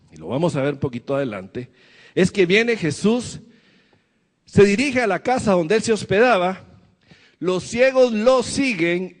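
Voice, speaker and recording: A man's voice: high-pitched, in a large hall. A man preaching a sermon to his church, asking the congregation questions as he goes. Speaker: pastor.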